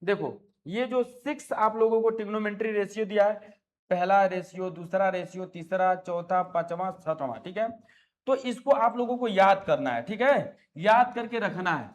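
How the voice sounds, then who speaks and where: A man's voice: sits high, normal speed. A male maths teacher explaining a lesson, coaxing his students with affectionate call-and-response questions and repeated check-ins. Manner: affectionate, repeats "है ना" and "ठीक है बाबू". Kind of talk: classroom explanation.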